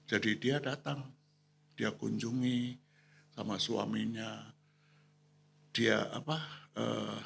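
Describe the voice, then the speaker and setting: A man's voice: on the low side, flat delivery, slow pace, vocal fry, pauses often, fairly bright tone, slightly rough. An older man, a retired pastor, preaching in a conversational storytelling way and acting out the voices of the people he quotes. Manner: acts out quoted voices, briefly sings hymn lines. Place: church hall.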